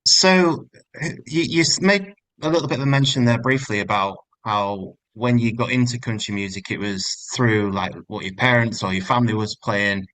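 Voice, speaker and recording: A man's voice: mid-range voice, normal speed, a bit bright, low-quality recording. A man hosting an interview, asking friendly, slightly hesitant questions. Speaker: interview host.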